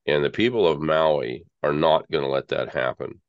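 Very deep-voiced American man on a conspiratorial rant. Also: moderate pace, no echo. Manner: earnest conspiratorial rambling rant. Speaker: interview guest. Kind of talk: conversational political commentary. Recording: dull lo-fi audio.

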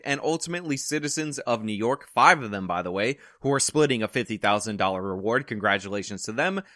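A man's voice: medium pitch, bright, forceful tone, dry recording. Man, online commentary host, casual opinionated talk, dry room. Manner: conversational, opinionated asides. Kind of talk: casual news commentary to camera.

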